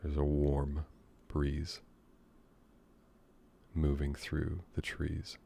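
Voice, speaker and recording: With vocal fry and a touch of hiss or hum in the audio, an American man leads a soothing, unscripted guided meditation. His voice is extremely low, dark and relaxed, close to monotone, and he speaks gently and slowly with long pauses.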